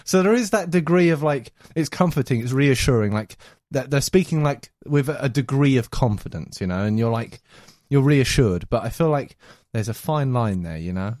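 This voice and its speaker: A man, a podcast guest chatting casually, animated and rambling with fillers. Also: medium pitch, no room sound, studio quality. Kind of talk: casual chat.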